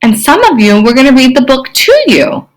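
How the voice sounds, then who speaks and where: A woman teacher giving an expressive online reading lesson to young children, often asking them questions. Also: sits high, moderate pace, low-quality recording. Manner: expressive, explains with gasps and questions to kids.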